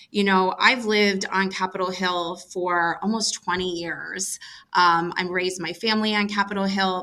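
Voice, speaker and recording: A middle-aged woman, a bit hoarse from losing her voice, chatting as a podcast guest with many fillers and restarts. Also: lowish voice, bright, forceful tone. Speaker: podcast guest, rail public affairs head. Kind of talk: casual podcast chat.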